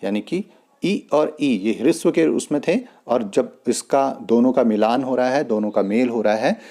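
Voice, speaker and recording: A man's voice: mid-range voice, moderate pace, mellow. Man teaching a step-by-step lesson. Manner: explains step by step, repeating examples. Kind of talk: grammar lesson.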